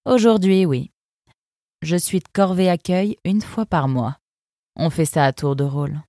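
A woman's voice: lowish voice, unhurried, dark tone, no echo, clean studio sound. A woman voicing a tall tattooed female fox who talks in a blunt, offhand, cynical way in a storybook.

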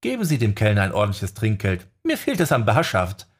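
A man's voice: fairly low pitch, wildly swooping pitch, brisk, husky, exaggerated voice. A man voicing a young female necromancer with a dry, exasperated manner in an audiobook. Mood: teasing. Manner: sardonic, exasperated.

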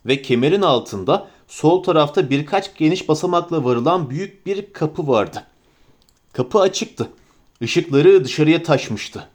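A man with a notably high voice reads an audiobook. He tells the story at a measured, even pace. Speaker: narrator. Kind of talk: audiobook reading.

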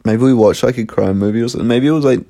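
A man's voice: mid-range voice, racing, mellow. A young man co-hosting a podcast, telling stories casually with frequent chuckles. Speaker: podcast co-host. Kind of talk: casual chat.

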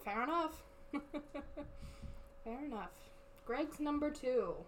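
Chatty young woman, higher voice. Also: moderate pace, slight background noise. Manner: chatty, laughs easily, filler-heavy. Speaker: podcast guest. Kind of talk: casual chat.

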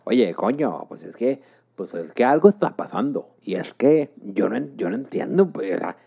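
A man's voice: lowish voice, very animated, normal speed, gravelly, mellow, slightly rough, full character voice. A man imitating a flustered male company director from Spain, with a put-on Spain Spanish accent and a whiny, exasperated manner. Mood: exasperated whining.

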